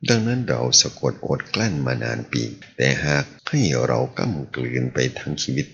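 A grim old fighter mutters his grudge in a very deep, gravelly voice, as a man reads him. His tone is low and bitter. The audio is dull and lo-fi. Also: very animated, moderate pace, fairly bright tone, full character voice. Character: grim old male fighter bent on revenge.

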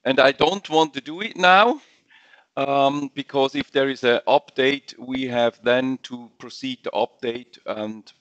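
Man trainer, slow halting webinar walkthrough, dull dry audio. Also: medium pitch, fairly even intonation, fairly bright tone, dry recording. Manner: halting non-native English with fillers and restarts. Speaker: software trainer. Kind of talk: webinar screen-share walkthrough.

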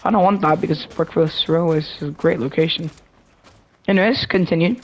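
A woman hosting a casual gaming chat, excitable and chatty, talking in slangy gamer lingo. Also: low-pitched, a little fast, slight background noise, low-quality recording. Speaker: gaming channel host.

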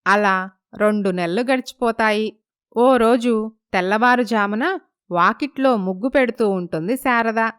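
A woman narrating a scripted family story in an even, measured way. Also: on the high side, clear, resonant tone, dry recording, clean studio sound.

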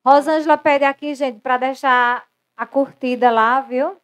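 A woman's voice: high voice, steady tone, measured pace, a bit bright. Woman reading viewer comments. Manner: reads out comments aloud. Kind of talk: casual chat.

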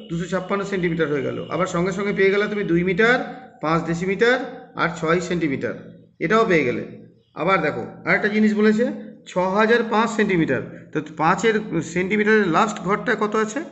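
A man's voice: high voice, fairly bright tone. A man teaching children arithmetic, explaining patiently step by step and asking and answering his own questions. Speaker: math teacher. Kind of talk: classroom math explanation for children. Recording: roomy, dull lo-fi recording.

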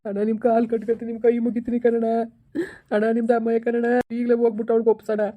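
In a village comedy skit, a man plays a desperate young husband, estranged from his wife and begging to win her back. His very high voice comes rapid-fire and monotone, tearful, pleading and repetitive, over a tinny, phone-like sound.

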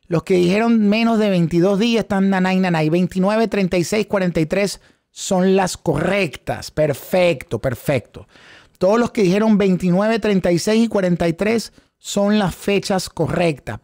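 High-voiced man teaching live, dry close mic. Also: a little mellow, dry recording. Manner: repeats phrases for emphasis; mixes English terms into Spanish. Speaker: instructor in options trading. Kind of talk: live online class, explaining and quizzing viewers. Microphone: close studio microphone on a desk setup.

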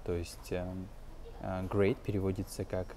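A man in his twenties hosts a video giving a casual English lesson over a film, explaining hesitantly and switching into English for his examples. His voice is low, level in tone and a little slow. The recording is very noisy.

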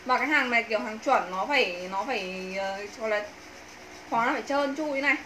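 A Northern Vietnamese woman delivers a persuasive live clothing pitch. Her voice is bright and she talks fast and emphatically. It is picked up by a phone in a small, echoey shop room. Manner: persuasive, emphatic sales patter. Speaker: livestream clothing seller. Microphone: phone a few steps away. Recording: roomy echo, faint background noise.

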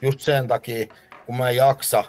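A man's voice: medium pitch, level tone, darkish tone. A man, a personal trainer telling rambling gym stories brashly on a podcast, swearing as he goes. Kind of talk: casual podcast chat.

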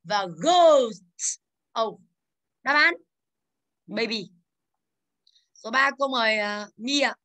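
A woman in her thirties from Vietnam, teaching English in a classroom with a high, bright voice. She moves briskly through exercises, calling on students by name and drilling their pronunciation.

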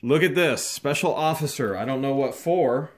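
An excited, chatty man hosting a casual unboxing vlog in a dusty garage, talking to the camera as he goes through boxes. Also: mid-range voice, moderate pace. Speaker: host.

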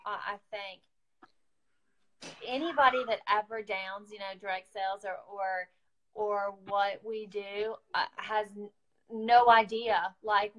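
A beauty guide with an Oklahoman accent tells a story during a chatty, casual live chat, her mid-range voice fairly bright. She fills it with fillers and quoted asides.

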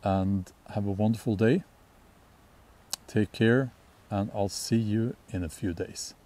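Norwegian guy in the woods talking gear, slow easy pace, mellow low voice, lots of ums. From Norway. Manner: relaxed, rambling, many ums and restarts. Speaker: bushcraft channel host. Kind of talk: casual outdoor gear talk. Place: outdoors in a sunny forest clearing.

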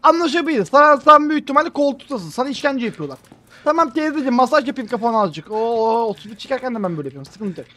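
A young man streaming gameplay, swinging between loud, profane outbursts and low mutters, and talking to his chat. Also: sing-song, racing. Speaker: gaming streamer. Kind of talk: live gameplay commentary.

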